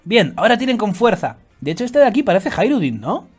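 A man with a Spain Spanish accent gives excited reaction commentary in a high voice. He breaks into loud exclamations and swears often. Faint music plays behind him. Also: fast, husky. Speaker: YouTuber reacting to a manga chapter.

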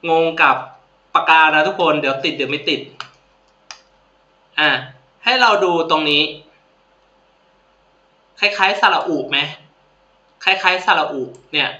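A man with a Thai accent teaching a Japanese lesson to students, friendly and repeating each word slowly for them to copy. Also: a little high, pushed and bright. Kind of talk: casual classroom-style video lesson. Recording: echoey room, dull lo-fi sound.

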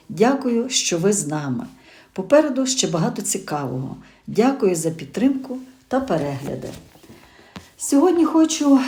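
A woman's voice: medium pitch, dark tone. A middle-aged woman from Ukraine, hosting a gardening channel and chatting casually with hesitations and self-corrections. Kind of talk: casual spoken garden review.

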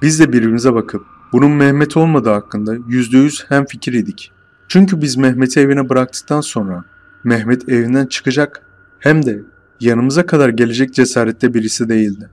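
A man tells a scary story from his own point of view; his voice is mid-range and his storytelling stays steady and deliberate.

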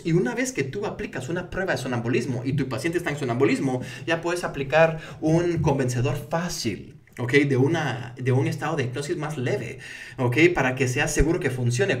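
An energetic man teaches hypnotherapy, tossing in frequent "ok?" check-ins as he talks. His voice sits on the higher side. He sounds slightly away from the microphone. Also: distant mic. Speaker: hypnotherapy instructor. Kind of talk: instructional talk to camera.

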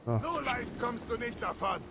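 Menacing high-pitched soldier in battle noise. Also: male voice, wildly swooping pitch, measured pace, exaggerated voice. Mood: determined. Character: menacing ancient Greek mercenary hunting his prey. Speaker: enemy soldiers in a video game. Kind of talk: video game combat barks. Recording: noisy game combat sound effects behind.

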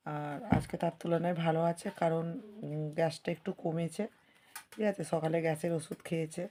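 Casting note: woman, hoarse home-vlog chatter, lowish flat voice, slight room noise. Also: fairly quick. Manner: chatty, addresses viewers as friends. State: hoarse from a cold. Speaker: vlogger. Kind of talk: casual home vlog chat. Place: home kitchen.

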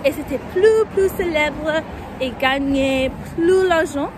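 An American woman, a native English speaker, talking casually in a travel vlog, speaking halting learner's French and correcting herself often. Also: high voice, background noise. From United States. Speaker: travel vlogger. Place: outdoors on city streets.

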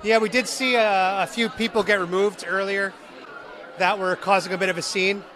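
A man's voice: sits high, steady tone, moderate pace, bright, forceful tone. A young man hosting a live vlog, chatting upbeat to viewers and interviewing people with a handheld mic in a large meeting hall. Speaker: street interviewer and livestream host. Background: murmuring crowd.

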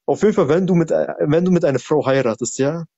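A fast-talking man with a husky voice calls into a live debate. He is insistent, repeats himself and keeps asking to finish. His audio sounds dull and dry. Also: a little high, warm tone, no room sound.

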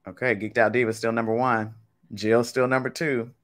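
With a medium-pitched, slightly bright voice that barely moves in pitch, a young man teaches Spanish at a moderate pace. It's a live-streamed game lesson from his home webcam, casual and chatty, aimed right at viewers as he talks with y'all in chat.

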